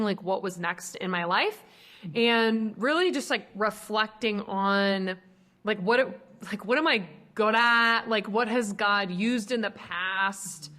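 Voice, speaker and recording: A young American woman from Minnesota, a ministry co-founder appearing as a podcast guest, answers questions reflectively in loose, stop-start conversational phrases. Her medium-pitched voice is bright and forceful, moving at a moderate pace.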